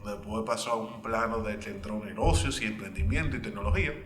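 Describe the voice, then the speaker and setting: Anfitrión de pódcast, hombre, que entrevista en tono de charla con voz clara y brillante. La grabación suena con eco, en una sala resonante. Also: male voice, fairly low pitch, a little fast, fairly bright tone, faint music behind. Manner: conversational, asks questions directly. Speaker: podcast host. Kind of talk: casual interview chat. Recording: echoey room.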